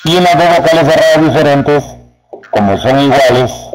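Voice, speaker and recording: A man teaching a spelling lesson to teachers, explaining slowly and speaking to them directly. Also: a little high, music in the background, rough recording. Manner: slow, deliberate, addresses teachers directly. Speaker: teacher trainer.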